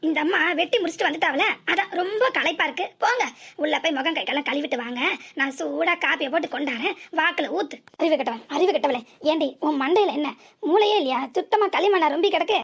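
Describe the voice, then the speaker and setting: A woman voicing a furious middle-aged village mother who berates and laments at her daughter in a cartoon serial. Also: fairly bright tone. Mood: berating. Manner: shrill, berating, lamenting scolding.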